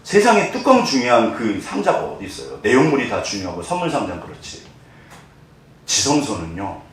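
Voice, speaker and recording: Recorded from a distance in the echoey hall of a church sanctuary, a male pastor delivers a sermon, keeps posing questions to the congregation and dramatizes the lines he quotes. His pitch is medium, with a little hiss or hum.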